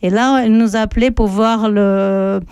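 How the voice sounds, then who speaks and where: A woman from southern Brazil with a Brazilian accent, a guest speaking French in a radio interview at an unhurried pace. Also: mid-range voice, fairly even intonation, a little mellow, clear, resonant tone. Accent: Brazilian Portuguese. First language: Portuguese. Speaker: festival organizer guest.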